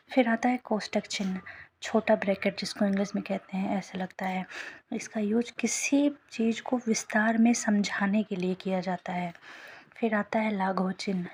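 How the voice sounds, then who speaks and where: Breathy woman teaching a grammar lesson. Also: medium pitch. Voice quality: breathy, often half-whispered. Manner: patient, checks in often with "है ना" and "ठीक है". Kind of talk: explaining a lesson.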